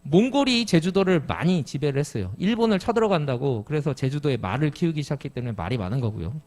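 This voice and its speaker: A middle-aged pastor from Jeju preaches at a midweek service in a fairly high voice. His pitch rises and falls in a lively way as he explains each point patiently and puts questions to his listeners. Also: quick pace. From Jeju, Korea. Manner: explains step by step and asks the congregation questions. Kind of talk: expository sermon at a midweek service.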